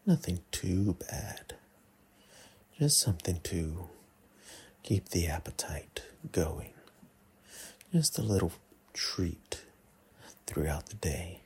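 A man in an intimate ASMR role-play, murmuring breathily right into the listener's ear, coaxing and teasing with many pauses. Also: low voice, sing-song, a little mellow. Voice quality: breathy, husky. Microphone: close mic.

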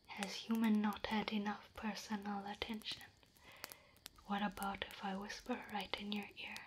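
A woman's voice: medium pitch, noisy background, lightly acted. A woman whispering close to the mic as a proud, curious female orc warrior who speaks broken English and talks about herself in the third person. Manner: soft close whisper throughout. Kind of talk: ASMR roleplay.

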